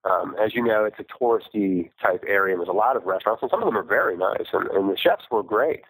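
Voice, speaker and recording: A man's voice: fairly low pitch, expressive, fast talker, fairly bright tone, breathy edge, dry recording. A man on a flip phone call as a farmer guest in an interview, rambling and correcting himself, laughing often. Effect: talking over a flip phone call. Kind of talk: casual interview chat. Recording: dry phone-call audio.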